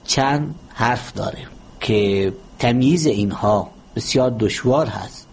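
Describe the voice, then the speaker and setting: A man with an Afghan Dari accent, a language expert answering interview questions in a measured, lecturing way with frequent hesitant pauses. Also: fairly low pitch, a little hiss or hum.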